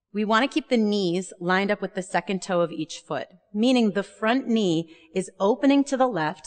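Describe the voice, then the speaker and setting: A woman yoga teacher giving explanatory, step-by-step spoken instruction on a pose. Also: mid-range voice. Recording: reverberant hall-like room.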